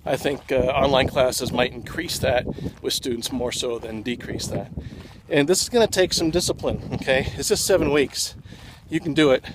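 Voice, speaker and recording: A slightly winded man explains his course to students in an easygoing way, dotting his talk with ums and uhs. He records himself on a phone outdoors, with clear city traffic noise behind him. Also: mid-range voice, moderate pace. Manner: relaxed and conversational, with many filler ums and uhs. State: slightly out of breath. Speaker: online course instructor.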